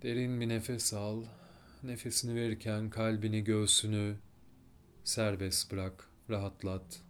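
Slow, calm man guiding a meditation. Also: lowish voice, slight background noise. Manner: slow, calm, soft-spoken instructions with long pauses. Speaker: meditation guide. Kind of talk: guided meditation.

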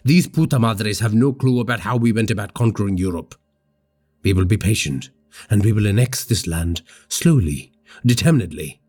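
A cold, patient cartel boss, put on by a male narrator who lets each threat settle. His voice sits well below ordinary talk and moves deliberately, with quiet music under it in this audiobook. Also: close to an everyday voice. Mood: menacing. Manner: slow, low, measured threats.

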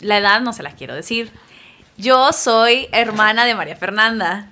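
A woman co-hosts a relaxed chat among friends. Her voice is high and very bright, and her delivery is quick and full of jokes. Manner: quick, lively, joking. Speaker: podcast co-host.

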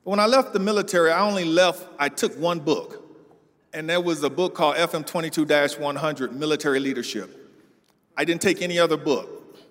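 A man's voice: fairly high pitch, a little fast, a bit bright. A man who is a military veteran, speaking as a church panel guest in a chatty, self-correcting way. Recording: long reverb of a church hall.

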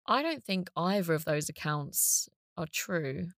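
A woman's voice: lowish voice, animated, a little slow, a bit bright, dry recording, studio quality. A woman podcast host delivering scripted narration. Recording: spoken over music.

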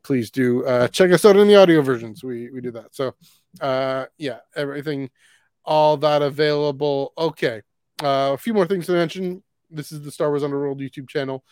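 A man's voice: fairly high pitch, moderate pace, a little mellow, smooth, no room sound. Canadian guy rambling through show plugs, dry close sound, stumbles and corrects himself a lot. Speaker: podcast co-host. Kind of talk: casual live-stream chat.

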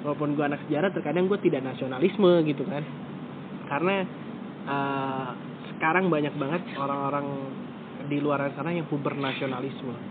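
A man hosting a casual conversation, talking in rambling, self-correcting runs with frequent fillers. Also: fairly high pitch. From West Java. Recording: tinny phone-like audio with clear background noise.

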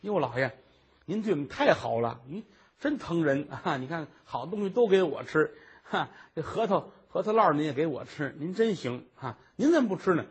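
Male storyteller voicing a timid teenage maid, husky and high, wheedling. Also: sing-song, normal speed, heavily acted. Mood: fawning. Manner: pleading, wheedling. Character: young maidservant girl, timid and fretful.

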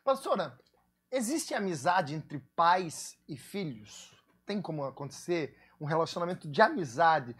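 A man's voice: a little high, big pitch swings, measured pace, fairly bright tone, husky. A man interviewing a pastor, playful and teasing at first, then asking earnest questions. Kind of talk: casual church interview.

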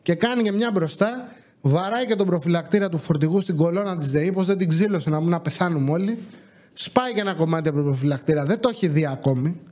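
A man telling a comedic anecdote on his podcast in an animated, exasperated way, acting out what others said. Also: fairly high pitch. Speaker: podcast host. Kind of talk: comedic storytelling.

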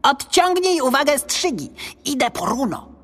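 A man voicing a small, frantic male elf in a spoken storybook, with shrill, urgent lines. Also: very animated, normal speed, a bit bright, big-room sound, heavily acted.

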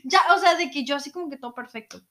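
Chatty high-voiced woman. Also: very fast, a bit bright. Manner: chatty storyteller, laughs often, acts out quotes. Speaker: podcast co-host. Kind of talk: casual chat, telling a childhood story.

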